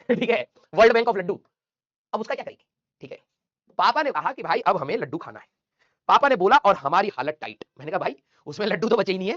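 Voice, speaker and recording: A male teacher telling a funny childhood story to his class in a quick, animated way, with chatty asides to the students. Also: high voice, no echo, muffled recording.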